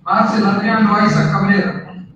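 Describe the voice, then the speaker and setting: A man presiding as judge, briskly calling names and moving the hearing along. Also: sits high, monotone, a bit bright, slight background noise. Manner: brisk and procedural. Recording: distant, echoey, dull courtroom audio.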